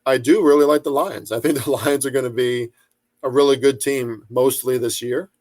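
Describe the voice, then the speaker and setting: A man's voice: medium pitch, steady tone, moderate pace, darkish tone, no echo. Young guy talking football bets, swears a lot, lots of um and you know, dry close sound. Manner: loose and profane, full of fillers and restarts; hedging, chatty asides. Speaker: sports betting commentator. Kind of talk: casual sports betting commentary.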